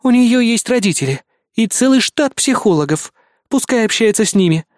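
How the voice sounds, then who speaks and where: A man's voice: very high voice, lively intonation, moderate pace, dry recording, studio quality, voice pushed up. A man voicing a fierce, blunt young woman, the narrator's partner, in an audiobook, with a brusque, sarcastic manner. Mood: grudging. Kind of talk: audiobook character voice.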